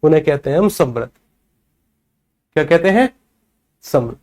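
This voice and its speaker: A man's voice: fairly high pitch, lively intonation, normal speed, darkish tone. A man teaching a grammar class, who keeps asking questions and then answering them himself, and often checks whether the students are following. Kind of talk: classroom lecture.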